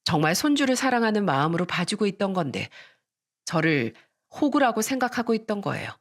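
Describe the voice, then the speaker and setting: A woman's voice: medium pitch, very animated, fairly quick. A woman narrating a dramatic first-person family story as an aggrieved grandmother, in a confiding tone.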